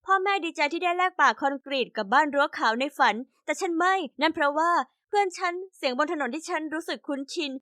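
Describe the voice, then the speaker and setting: High-voiced woman narrating an animated story. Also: quick pace, few pauses, dry recording, clean studio sound. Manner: chatty first-person storytelling, voices other characters.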